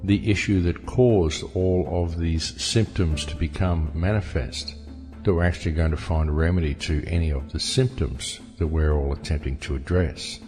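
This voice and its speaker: Man with a disguised, pitched-down voice. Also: moderate pace, darkish tone. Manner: emphatic, keeps addressing listeners as folks. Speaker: anonymous messenger. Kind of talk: spoken monologue to viewers. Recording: long reverb with faint music behind.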